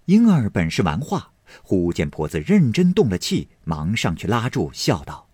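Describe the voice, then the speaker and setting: A man narrates a classic novel in a low, husky voice, full of expressive lifts and drops. The sound is dry and close to the mic. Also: moderate pace, dry recording. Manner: expressive, animated. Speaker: audiobook reader.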